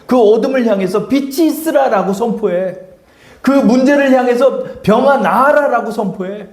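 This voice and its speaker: A man's voice: very high-pitched, normal speed, darkish tone, reverberant, voice pushed up. A man voicing God as a firm, fatherly male figure in a sermon, speaking in blunt, scolding casual talk. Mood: commanding.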